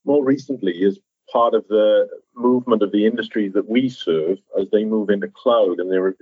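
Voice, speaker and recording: A man who is a guest on a podcast, explaining his work in a measured way with some fillers and restarts. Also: on the low side, slightly rough, no echo. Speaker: podcast guest, software architect. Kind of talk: conversational interview. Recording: tinny phone-line audio.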